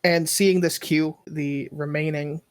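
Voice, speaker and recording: A woman acting as game master, calling out rolls and results in a brisk, matter-of-fact way. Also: low-pitched, fairly even intonation, darkish tone, clear, resonant tone, no room sound, studio quality. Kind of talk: narrating a tabletop game.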